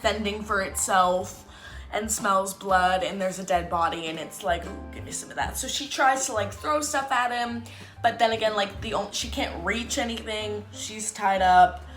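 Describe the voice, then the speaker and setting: A woman's voice: mid-range voice, measured pace, fairly bright tone, reverberant, faint music behind. A young woman in a casual, rambling rant full of fillers and sarcastic asides, speaking as a book vlogger at home.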